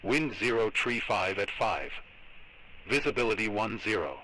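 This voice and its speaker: A man's voice on an automated airport weather broadcast over the radio, reading weather figures in clipped, measured aviation phrasing. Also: on the low side, big pitch swings, pushed and bright, slight background noise, rough recording. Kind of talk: recorded airport weather report.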